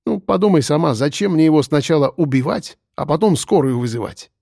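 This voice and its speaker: A man reading an audiobook, voicing a calm man who answers quietly, almost in a whisper. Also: on the high side, a little fast, gravelly, no room sound, clean studio sound, voice pushed up. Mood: hushed. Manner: soft, hushed, even. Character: calm, quiet southern man under suspicion.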